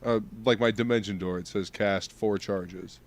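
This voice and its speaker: A man playing a tabletop game, talking casually in a halting, unsure way. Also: on the low side, fairly even intonation.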